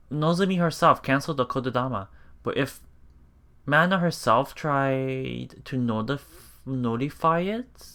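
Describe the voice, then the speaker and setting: For a let's play, a man reads visual novel text aloud dramatically and earnestly, reacting as he goes. His voice is medium-pitched and a bit bright.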